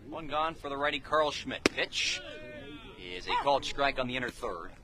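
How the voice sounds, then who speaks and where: This man's mid-range voice moves at a normal speed as he delivers radio play-by-play of a live baseball game. He works from beside the field at an outdoor ballpark, using short, descriptive phrases while the crowd makes noise.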